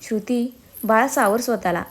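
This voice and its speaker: A woman's voice: on the high side, normal speed. A woman voicing a worried middle-aged mother-in-law in a read-aloud story, anxious and soothing in turn. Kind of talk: storybook narration.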